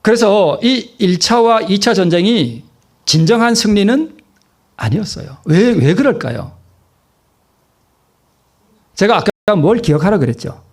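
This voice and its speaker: A man's voice: sits high, lively intonation, unhurried, pauses often. A male pastor preaching a sermon, asking the congregation questions and answering them himself, and repeating key phrases for emphasis.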